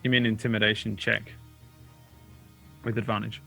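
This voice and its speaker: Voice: medium pitch, little pitch movement, moderate pace, gravelly, pushed and bright, slightly rough, faint music behind. A game master casually narrating a tabletop fantasy game and calling for checks.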